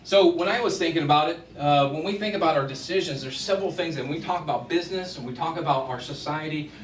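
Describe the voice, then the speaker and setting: In an event room with an audience, a middle-aged guest speaker from the US West Coast state of Washington talks business in a casual, conversational way. His voice is deep and fast, with lots of fillers. The room echoes, the mic is far away, and faint noise is present.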